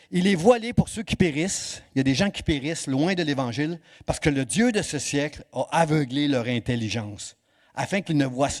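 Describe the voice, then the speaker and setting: Male pastor, impassioned sermon, somewhat high voice, big dynamic swings. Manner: impassioned, swinging between loud exhortation and hushed emphasis. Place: church.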